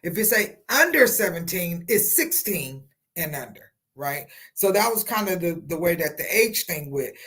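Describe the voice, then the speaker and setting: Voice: medium pitch, very animated, normal speed, few pauses, fairly bright tone. Conversational tax-tip host, mid-range voice. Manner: conversational, checks understanding with "right?" and "okay?". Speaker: host giving tax tips. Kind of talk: informal live-stream explainer.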